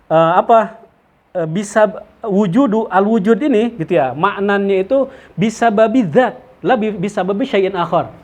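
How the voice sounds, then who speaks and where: A man leads a study circle lesson. His voice sits high for a man. He explains slowly, with many fillers and Arabic terms, and often checks in with his listeners. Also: darkish tone. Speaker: teacher of Islamic theology.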